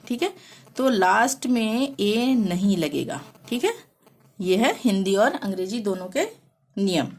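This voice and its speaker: A woman teaching a language lesson, explaining slowly and patiently, often pausing to check that the listener follows. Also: on the high side. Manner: slow, repeats "theek hai" to check understanding. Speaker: Hindi teacher.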